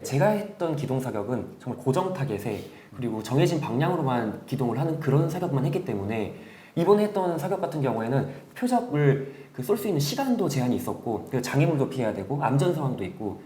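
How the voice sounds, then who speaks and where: A man's voice: mid-range voice, sing-song, fast talker, dark tone. A man, a military veteran on a panel, giving an explanatory review of his experience. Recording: echoey room sound.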